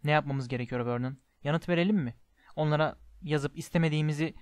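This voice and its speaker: A man's voice: a little high, quick pace, no echo, studio quality, lightly acted. A man voicing a nervous, fretful middle-aged aunt with a trembling voice. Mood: anxious. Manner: trembling, anxious.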